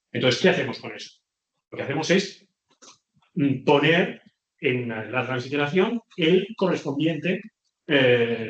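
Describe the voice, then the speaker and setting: A man's voice: mid-range voice, roomy sound. A man teaching a beginners' class, explaining patiently and often checking in with the students. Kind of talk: classroom lecture.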